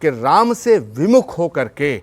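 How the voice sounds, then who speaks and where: A man speaking as a spiritual leader on a TV debate panel, measured and formal with devotional phrasing. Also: fairly high pitch, sing-song. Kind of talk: TV debate argument. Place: TV studio.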